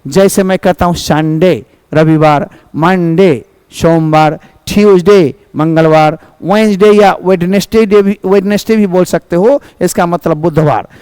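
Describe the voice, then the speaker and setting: Man, English teacher in a Hindi lesson, slow delivery, crisp voice, dry room. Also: high-pitched, a little mellow, no echo. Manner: slow, repeats each phrase with a Hindi gloss; calls students "my children".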